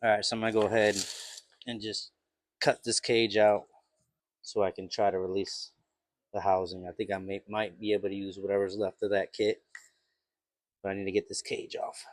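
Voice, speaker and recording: A man's voice: fairly low pitch, level tone, moderate pace, pauses often. A man casually narrating his own truck axle repair in a workshop vlog, talking to himself as he works. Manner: muttering to himself while working. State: out of breath. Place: garage workshop, partly outdoors in wind.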